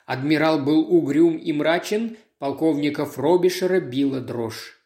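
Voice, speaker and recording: A measured, dramatic audiobook reading of a detective tale at a middle pitch. The voice sits in a roomy space with a clear echo around it. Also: warm tone. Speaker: audiobook reader. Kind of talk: scripted narration.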